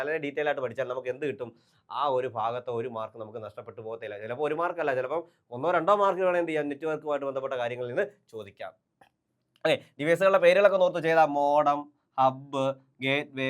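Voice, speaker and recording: A man teaches an exam-prep lesson at a rapid clip. His voice sits a little high. He keeps asking the class questions, answers them himself, and drills the same terms over and over. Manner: repeats key terms over and over.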